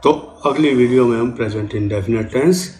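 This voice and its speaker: An older man with an Indian accent gives a classroom-style grammar lesson. He speaks slowly and deliberately, pausing to spell words out letter by letter. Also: medium pitch, a little mellow, echoey room. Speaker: English grammar teacher.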